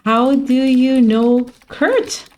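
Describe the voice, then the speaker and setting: A woman's voice: sits high, very slow, darkish tone. A woman streamer giving playful, mock-dramatic commentary as she plays a game and argues with a character on screen. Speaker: gaming streamer. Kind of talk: let's play commentary.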